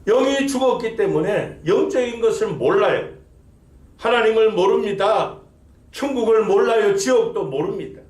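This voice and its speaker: A man's voice: high-pitched, expressive, normal speed, darkish tone. Preaching man with a raised voice in an echoey sanctuary. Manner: preaching with rising emphasis and rhetorical questions. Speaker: senior pastor. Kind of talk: sermon. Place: church sanctuary.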